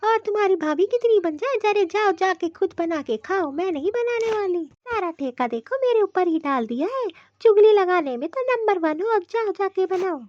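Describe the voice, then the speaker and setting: A fed-up, overworked cartoon daughter-in-law with a very high, squeaky voice, acted by a woman. She snaps back sharply. The recording is dry and muffled. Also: expressive, moderate pace, hardly any pauses, darkish tone, no room sound. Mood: exasperated. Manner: exasperated, talking back. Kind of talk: cartoon voice acting.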